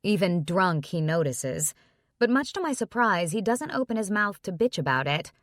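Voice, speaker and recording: A woman narrates a first-person romance audiobook at a measured, steady pace. Her voice sits on the low side, and the sound is dry and close to the mic. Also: no room sound.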